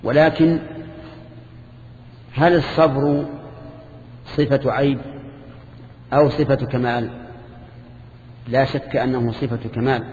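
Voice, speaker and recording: An older man teaching a lesson to students, explaining a classical text in a measured way with restarts and questions to the class. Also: mid-range voice, steady tone, darkish tone. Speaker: teacher of Islamic creed. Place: lecture hall with students. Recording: echoey hall, dull lo-fi tape with faint hiss.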